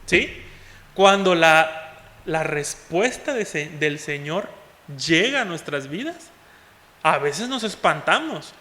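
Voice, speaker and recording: High-voiced preacher in an echoing hall. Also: male voice, expressive, slow pace. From Mexico. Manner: preaching, often calling out "hermanos", swinging between loud and soft. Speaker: pastor. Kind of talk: sermon. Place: church hall. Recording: long hall reverb.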